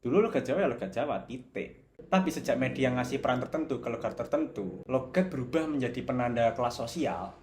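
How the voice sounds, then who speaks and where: A young man from Java speaks with a clear Javanese accent in a relaxed, reflective commentary, easily switching between Javanese, Indonesian and bits of English. His voice sits at an ordinary middle pitch. A faint noise runs underneath the recording. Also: fairly quick. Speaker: video essayist.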